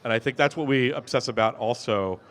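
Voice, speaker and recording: A man hosts a business interview and talks with eager enthusiasm. His questions are scattered with ums and restarts. His voice sits at a mid pitch. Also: fairly quick, a bit bright. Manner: enthusiastic, filler-heavy with many ums. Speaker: interview host, company CEO. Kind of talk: conversational interview.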